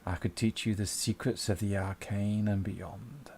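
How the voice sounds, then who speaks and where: A man voicing a sinister, seductive spirit in an ASMR role-play, speaking in a dark, slow soft voice from the darkness. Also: fairly low pitch, fairly even intonation, a little hiss or hum. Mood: grandiose, seductive. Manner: dark, slow soft-spoken, as if from behind the listener.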